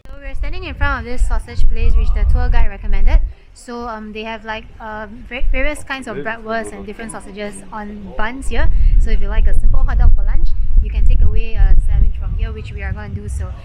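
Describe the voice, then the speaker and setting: A woman's voice: fairly high pitch, fairly even intonation, a little fast, over music, rough recording. A woman narrating a casual travel vlog outdoors, chatty and explanatory with lots of filler words like "so" and "like". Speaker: travel vlogger.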